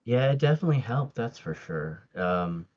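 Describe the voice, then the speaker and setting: A podcast guest whose first language is Tagalog chats casually in an interview, hesitating, laughing a lot, and restarting often amid plenty of fillers. His mid-range voice is very animated and darkish in tone, at a moderate pace. The sound is lo-fi.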